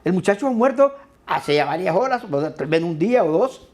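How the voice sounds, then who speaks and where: A pastor with a mellow, darker tone preaches at a middle pitch. The delivery is chatty rather than formal, full of tag questions. Key words get repeated to drive a point home. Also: expressive, moderate pace. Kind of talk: sermon.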